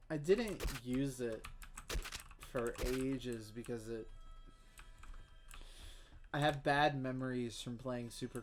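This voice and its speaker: A man from the Southern US with a Southern accent, rambling and joking through casual gameplay commentary while he streams. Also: mid-range voice. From Southern United States. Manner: rambling, self-mocking jokes, sudden excited squeals. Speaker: game streamer. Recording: clear keyboard typing and clicks behind.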